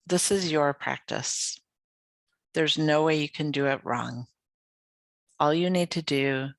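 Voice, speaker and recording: A meditation guide leads a yoga nidra practice with a mid-range voice, soothing and unhurried, gently inviting and pausing often. There is no room sound.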